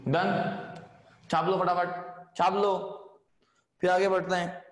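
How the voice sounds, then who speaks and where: Teaching physics in a conversational classroom lecture, this man gently nudges his students forward, frequently tossing in "है ना." He speaks slowly in a high, level tone. The recording has a roomy quality.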